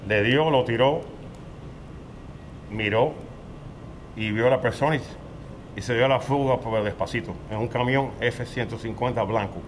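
The audio is poor, with street noise behind the speaker: an older man giving a hesitant outdoor street interview as a witness on a covered sidewalk. His mid-range voice is a little fast yet broken by long pauses, and he retells events plainly with fillers.

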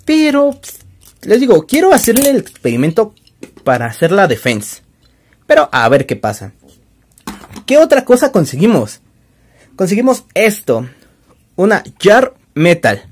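Lively, chatty Mexican man. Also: sits high, a little slow, long pauses. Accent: Mexican Spanish. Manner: chatty, joking, self-deprecating. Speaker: toy-collecting channel host. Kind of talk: casual show-and-tell vlog.

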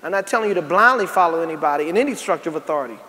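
Very fast and forceful, this preacher's bright, fairly high voice is expressive as he addresses the congregation in a folksy way and surges into emphatic bursts. The sermon echoes through a large church hall with a little background noise.

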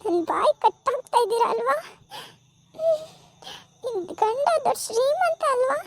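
A woman's voice: very high-pitched, animated, a little slow, background noise, heavily acted. A woman playing a young wife, a rich man's daughter who was tricked, sobbing through laughter in a comic village skit. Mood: bitter.

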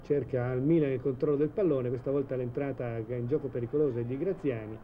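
A man giving measured live football commentary in a 1980s TV broadcast style, hesitating now and then mid-sentence. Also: medium pitch, narrow, tinny audio. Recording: old TV broadcast, steady stadium noise.

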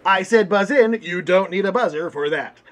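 A man's voice: sits high, normal speed, fairly bright tone. A man hosting a puppet comedy game show with a bombastic showman manner. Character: orange furry host puppet.

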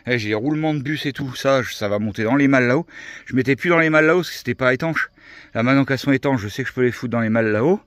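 A man from France vlogging in a relaxed, chatty way, full of fillers, filming with a handheld camera near his van. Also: medium pitch, very fast, no room sound. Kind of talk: casual vlog chat.

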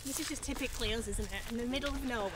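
A woman's voice: on the high side, racing. A woman chatting casually outdoors as a travel companion. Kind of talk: casual chat. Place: outdoors in the countryside. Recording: loud outdoor and motorbike noise.

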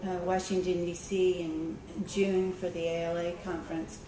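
A school librarian gives a conversational talk at a conference, telling a story full of ums and restarts. Her voice is fairly low with little pitch movement, at a normal speed. The recording was made from far off in an echoey conference hall with crowd noise in the background.

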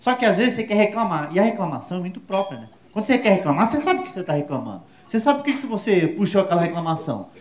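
Brazilian man, stand-up comic, rapid-fire, crude slang, roomy echoing venue. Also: sits high. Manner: animated, crude slang, shouted punchlines. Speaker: stand-up comedian. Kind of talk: stand-up comedy set. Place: comedy show stage before an audience.

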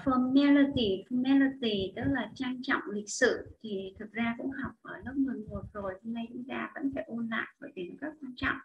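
A woman English teacher with a Vietnamese accent, pitched a little high, working through new words and reading a passage aloud. She models each word twice, slowly. The recording is roomy and muffled, with faint noise behind her. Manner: explains words slowly, models pronunciation with repetitions. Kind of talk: vocabulary lesson and reading aloud. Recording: echoey room, dull lo-fi audio with faint noise.

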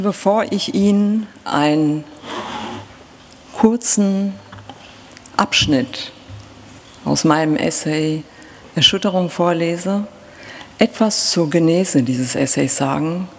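A woman's voice: fairly low pitch, darkish tone, a little hiss or hum. Thoughtful woman speaking in a big hall. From Germany. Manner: thoughtful, halting, with pauses and fillers. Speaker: author. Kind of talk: reflective talk before a reading. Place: large theatre stage. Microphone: stand mic, seated. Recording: reverberant hall.

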